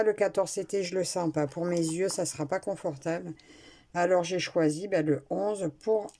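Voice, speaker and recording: A woman's voice: fairly low pitch, a little mellow, slight background noise. A woman chatting casually while unboxing a craft kit at home, talking with hesitations and restarts into a nearby camera mic. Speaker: craft vlogger. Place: at home, indoors.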